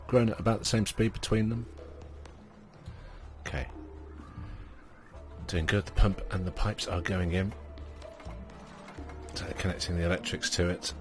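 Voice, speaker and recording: A man with an extremely deep, low voice talks his way through a game in a loose, rambling style. He fills his pauses with ums and uhs and chats to his on-screen characters. Quiet game music plays faintly under him. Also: steady tone. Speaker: gaming channel host. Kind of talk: let's play commentary.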